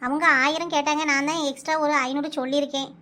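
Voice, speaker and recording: A woman with a Kanyakumari Tamil accent voicing village women in a cartoon, with brisk, bossy chatter. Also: high-pitched, flat delivery, a bit bright. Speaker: cartoon voice artist. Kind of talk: cartoon voice acting.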